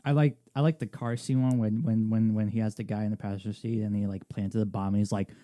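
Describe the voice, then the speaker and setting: A young man co-hosting a podcast in casual chat, excitable, stumbling and repeating words as he talks. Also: fairly low pitch, fast, no echo. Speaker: podcast co-host.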